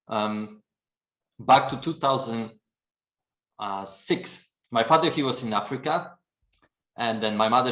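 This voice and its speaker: Podcast guest, Polish accent, rambling storyteller in a roomy room. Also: male voice, medium pitch, fairly bright tone. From Poland. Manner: chatty, laughs often, fills with "and then" and "you know". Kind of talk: casual storytelling chat.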